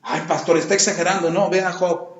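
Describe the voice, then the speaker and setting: A man's voice: sits high, brisk. Male pastor, sermon delivery, acts out complaints, echoey room. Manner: acts out quoted complaints in lively voices. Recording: echoey, muffled lo-fi room recording.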